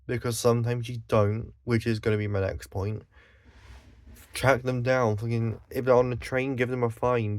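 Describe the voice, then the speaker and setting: A man's voice: mid-range voice, no room sound. A Scottish man delivering a blunt, profane monologue, exasperated, sighing and correcting himself as he goes. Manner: swears a lot, blunt and exasperated, with sighs and self-corrections. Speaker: vlogger.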